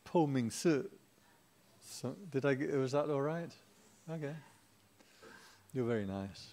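A man's voice: medium pitch, expressive, a little slow, darkish tone, slight background noise. Middle-aged male Buddhist teacher, informal Dharma talk, mid-range voice, chatty, light humor with asides.

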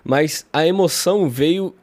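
A man's voice: fairly high pitch, measured pace, a little mellow, no echo. A young man with a Brazilian Portuguese accent, co-hosting a podcast in casual, chatty talk and laughing often. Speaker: podcast co-host.

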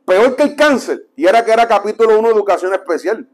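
A young adult man, a preacher telling his testimony as a lively storyteller who acts out the dialogue. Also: fast talker. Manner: animated storyteller, acts out dialogue and drops low for quotes.

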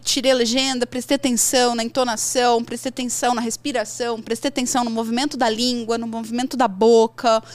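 A Brazilian woman teacher talks in a high, bright register, lively and chatty, giving advice in a podcast conversation. She slips into playful imitations of worried learners. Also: no room sound. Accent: Brazilian Portuguese. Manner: animated, acts out learners' complaints in a high voice. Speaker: English teacher.

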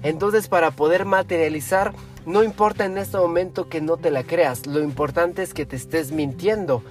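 A man's voice: a little high, moderate pace, faint music behind. A man giving a motivational self-help talk, asking rhetorical questions and laying out numbered steps. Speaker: motivational speaker.

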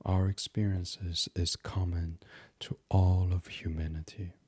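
Male meditation guide, very low, mellow and unhurried, close and dry. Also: level tone, husky, no echo. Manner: slow, soft and soothing, drifting into whispers.

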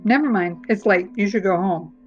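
A woman's voice: mid-range voice, normal speed, soft background music, natural voice. A woman voicing an old male school custodian who barks short orders in a storybook reading. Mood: curt. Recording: dull, muffled reading recording.

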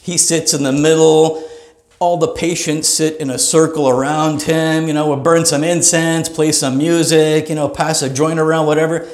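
A man's voice: a little high, level tone, normal speed, reverberant. A man hosting a comedy podcast, ranting in a profane, rambling way with laughing asides, recorded in a small private studio. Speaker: podcast host. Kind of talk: comedic rant.

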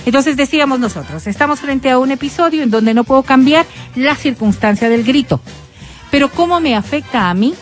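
A woman on a talk show explaining step by step in a measured way. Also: high voice, lively intonation, faint music behind.

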